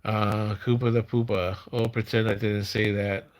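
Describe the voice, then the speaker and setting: A man's voice: lowish voice, level tone. Guy in his 50s rambling on a livestream, kinda slurred and mumbly like his tongue's numb, repeats himself. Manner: halting, repeats words, street-casual phrasing. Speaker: live stream host. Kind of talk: casual rambling live-stream chat.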